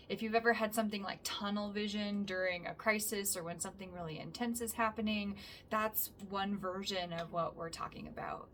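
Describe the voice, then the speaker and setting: A woman leads a calm grounding exercise in a gentle, mid-pitched voice, her phrases softening as they end. She is recorded a little way from the microphone, with faint noise behind her. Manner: calm and gentle, trailing off softly at phrase ends. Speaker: somatic practice instructor. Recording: distant mic with faint background noise.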